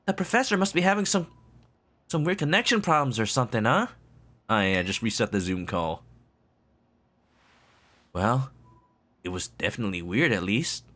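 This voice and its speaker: Animated, bright-voiced man livestreaming a game. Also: medium pitch, normal speed, pauses often. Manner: playful, exclamatory. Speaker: video game streamer. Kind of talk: casual livestream game commentary, reading dialogue aloud.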